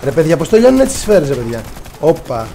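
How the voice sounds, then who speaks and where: A young man talking over voice chat mid-game, quick to get worked up and full of slangy banter. His voice sits a bit high for a man but has a dark, mellow tone. A faint hiss of noise stays underneath. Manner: excitable, slangy banter, calling out to teammates. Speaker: gamer playing with friends. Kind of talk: casual gaming chat over voice.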